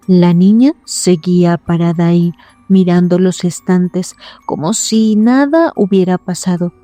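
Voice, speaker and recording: A woman giving a scripted, measured first-person horror narration at a suspenseful pace. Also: medium pitch, dark tone, dry recording. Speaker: storyteller.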